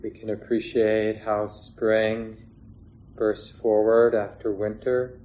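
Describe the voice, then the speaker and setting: A meditation teacher guides a group in a meditation hall, his low voice slow and monotone. Short phrases come gently, separated by long, unhurried pauses. The recording is low quality, carrying distinct background noise and the sound of the room.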